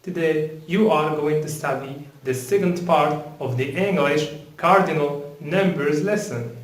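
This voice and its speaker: A man with a Moroccan accent teaching an English lesson, repeating words slowly for pronunciation drills. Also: fairly high pitch. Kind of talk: slow, deliberate language lesson. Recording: roomy, from a distance.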